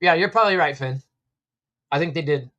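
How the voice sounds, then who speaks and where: A man's voice: on the high side, fairly quick, sharp tone, muffled recording. A man hosting a casual livestream, giving wrestling commentary and opinions while talking back to his viewers in a conversational way. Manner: opinionated, conversational, reads out and answers chat comments. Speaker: livestream host reacting to wrestling. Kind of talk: casual live-stream commentary, chatting with viewers.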